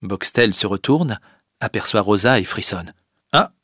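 A man narrating a storybook tale in a plain, steady way. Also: lowish voice, moderate pace, dry recording, studio quality. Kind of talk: storybook reading.

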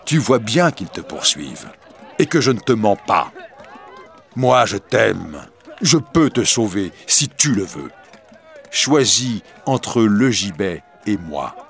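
A man's voice: fairly low pitch, big pitch swings, slow pace, gravelly, fairly bright tone, heavily acted. A man reading a story aloud, voicing a tormented, obsessive male priest who pleads and threatens with passion. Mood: intense pleading. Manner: passionate, pleading then menacing.

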